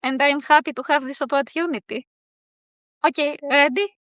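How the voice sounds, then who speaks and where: A poet whose native language is Greek answers interview questions casually in a high, bright, clear voice with fairly even intonation. She is thoughtful and hesitant, pausing often and filling gaps with soft hesitations and many fillers. The recording is close and dry, with no room sound.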